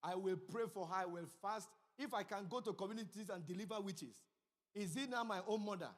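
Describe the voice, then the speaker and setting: A middle-aged man preaching a sermon as pastor, telling stories and swinging from low asides to loud emphasis. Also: brisk. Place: church sanctuary. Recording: church hall reverb.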